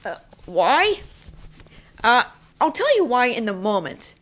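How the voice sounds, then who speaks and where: A young voice actor plays a teasing, possessive roommate in an intimate audio roleplay, her fairly bright voice swinging widely in pitch at a slow pace. She keeps her voice low and lingering, occasionally dropping to whispers.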